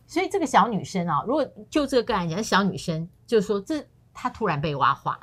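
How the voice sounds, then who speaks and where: In a brisk, sing-song, mid-range voice, a middle-aged woman co-hosts a casual talk show. She tells stories animatedly and acts out the people she quotes.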